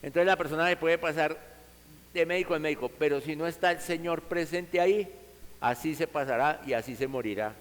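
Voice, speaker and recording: Guy preaching a sermon, kinda high voice, earnest and chatty, lots of echo hanging in the hall. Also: brisk. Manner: earnest, conversational preaching with vivid quoted examples.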